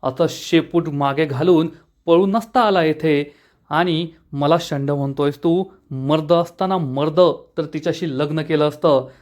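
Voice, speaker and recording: A domineering older politician father, snapping out taunts at his grown son, as a man reads him aloud. The tone stays scornful and bossy throughout, pitched a touch high. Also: unhurried, a little mellow, natural voice. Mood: angry.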